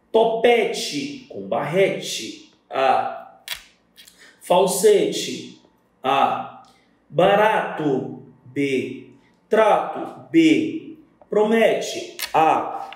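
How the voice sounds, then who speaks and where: Slow, echoey Brazilian male teacher. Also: high voice, a little mellow, recorded from a distance. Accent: Brazilian Portuguese. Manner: didactic, counts aloud and answers his own imagined student questions. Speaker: literature teacher. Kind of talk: recorded exam-prep lesson on poetry. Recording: very echoey room.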